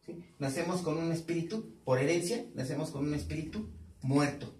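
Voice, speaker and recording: A man's voice: a little high, moderate pace, a little mellow. A male pastor teaching a sermon, quizzing the congregation with questions and repeating key words. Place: church hall. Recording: echoey hall, voice from far off.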